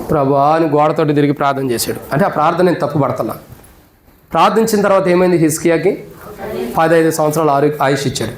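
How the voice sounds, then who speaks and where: Male pastor, high voice, dramatic sermon delivery, light background hiss. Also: reverberant, rough recording. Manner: swings between loud preaching and low asides.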